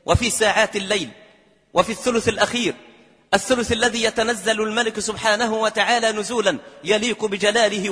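A man's voice: high voice, sharp tone, breathy edge. A man preaching a storytelling sermon with passion, at times rising into chanted verse, in a long hall reverb. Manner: impassioned, rises into chanted verse.

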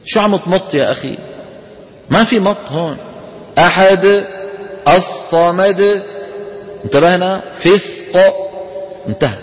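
A man's voice: high-pitched, animated, normal speed, long pauses. Man teaching in an echoing hall. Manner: explanatory, poses questions and answers them himself. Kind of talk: classroom lesson. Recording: long hall reverb.

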